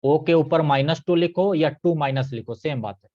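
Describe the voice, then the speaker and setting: A man teaches chemistry in a live online class. He is patient and keeps going back over each point, checking that his students follow. His voice sits fairly high, and the audio is dull and lo-fi. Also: normal speed, a little mellow. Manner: patient, repeats key points with checking questions.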